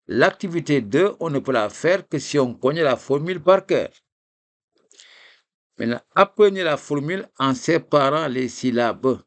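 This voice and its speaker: A man teaching a recorded reading lesson, slowly repeating a memory phrase syllable by syllable for his students. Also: on the high side, animated. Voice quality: gravelly.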